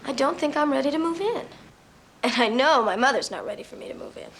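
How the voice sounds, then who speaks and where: A woman's voice: high voice, animated, quick pace, fairly bright tone, a little hiss or hum. An actress playing an anxious but independent young woman in a 1970s TV drama. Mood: wry, firm.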